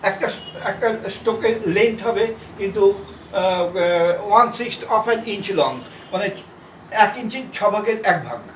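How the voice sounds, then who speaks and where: High-voiced man teaching shorthand from afar. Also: slight background noise. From India. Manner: repetitive, halting, spells out letters. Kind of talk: classroom explanation. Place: classroom. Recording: echoey room from far off.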